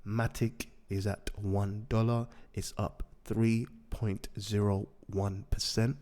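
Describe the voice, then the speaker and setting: A man with a raspy voice hosting a market update, repeating and rephrasing his points for emphasis. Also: fairly low pitch, flat delivery, slow pace, mellow. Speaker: host of a daily crypto news show.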